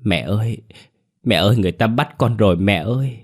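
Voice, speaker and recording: A frightened ghost boy, as a man acts him out, begs his mother for help in a trembling voice. The delivery stays low-pitched and deep, like a storyteller's rendition. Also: brisk, close to an everyday voice. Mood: terrified.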